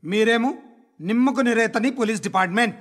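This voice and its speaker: A mocking, lecturing man needles reporters with biting sarcasm. His voice sits fairly high for a man. It is film dialogue. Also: a little fast, a bit bright. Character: sardonic man lecturing journalists.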